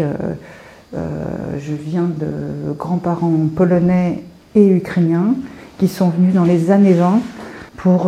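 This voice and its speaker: A French woman in her fifties from the Paris suburbs, a visual artist, is interviewed informally as she guides a visitor around her work. Her voice is very dark and mellow with a fairly low pitch, and she tells her recollections hesitantly and reflectively, pausing to search for words. The audio quality is poor.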